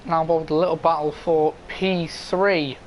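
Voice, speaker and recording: A man's voice: a little high, fairly even intonation, moderate pace, slight background noise. A man giving informal live motorsport commentary on an online racing game.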